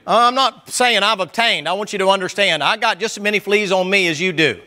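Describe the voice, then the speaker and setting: A man's voice: high voice, a little fast, sharp tone. A man preaching a Sunday school sermon in a folksy, joking and emphatic way.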